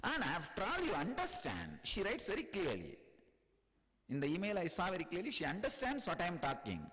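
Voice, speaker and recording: A man's voice: high voice, huge pitch swings, brisk, fairly bright tone, in a large hall. A man from India with an Indian accent, giving a spiritual discourse, laughing often and repeating simple phrases for emphasis. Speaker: spiritual teacher.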